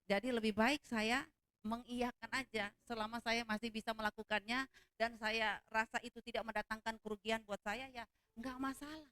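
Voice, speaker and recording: Bright, loud-talking woman pastor. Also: on the high side, normal speed, clear, resonant tone, no echo. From outside Java. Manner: loud, animated storytelling with frequent "hallelujah". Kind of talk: sermon.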